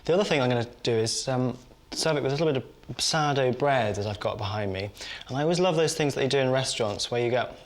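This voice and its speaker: A man's voice: medium pitch, fast talker, few pauses. A man hosting a cooking show, chatting casually as he prepares food in his kitchen. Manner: chatty, talks while cooking and tasting. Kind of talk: cooking demonstration.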